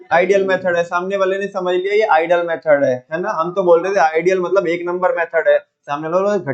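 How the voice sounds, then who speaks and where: A man's voice: high voice, lo-fi sound. A young man teaching a live class, quizzing his students and drilling them in call-and-response.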